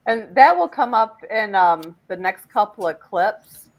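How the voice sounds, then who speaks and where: A woman's voice: medium pitch, expressive, a little slow, rough recording. A woman hosting a panel discussion who explains things at length, with frequent fillers. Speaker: podcast host and regression facilitator.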